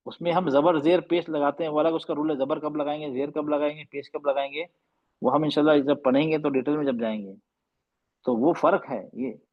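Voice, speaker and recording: This slightly high male voice belongs to an online teacher patiently repeating and drilling Arabic letter sounds, dropping English phrases into his Hindi. The video call microphone gives lo-fi audio without echo.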